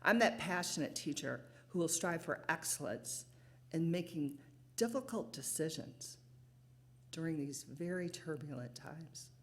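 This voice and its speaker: A woman's voice: low voice, animated, a little slow, fairly bright tone. Earnest woman teacher reading a statement. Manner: earnest, read-from-notes delivery. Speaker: teacher and school board candidate. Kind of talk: prepared closing statement at a candidate forum. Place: city hall auditorium.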